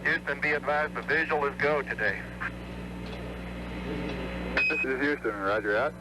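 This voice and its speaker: Man on a pilot radio link, terse procedure calls, mid-pitched, buried in loud hiss. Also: a little slow. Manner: terse, matter-of-fact. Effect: pilot-to-ground radio transmission. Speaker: mission radio communicator. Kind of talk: clipped radio procedure talk. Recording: heavily hissy archival radio audio.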